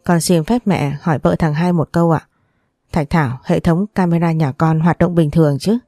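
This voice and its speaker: A woman reading the part of a polite, measured middle-aged father in an audiobook. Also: deep voice, steady tone, mellow, no echo, clean studio sound. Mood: calm. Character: middle-aged father, calm and respectful son.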